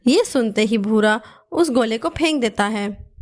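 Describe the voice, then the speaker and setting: A woman narrating a children's cartoon story in a steady, scripted storytelling manner. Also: on the high side, measured pace.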